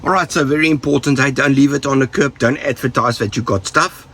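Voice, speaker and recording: Husky and a bit bright, the mid-range voice of this flu-ridden South African vlogger moves a little fast and sounds rough. He gives his audience easygoing, humorous safety tips and rambles into asides that trail off.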